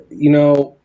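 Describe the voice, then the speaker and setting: A man speaks as a guest on a casual podcast in a laid-back way. He is blunt and swears freely. His voice sits in an ordinary middle pitch. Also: a little mellow. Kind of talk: casual chat.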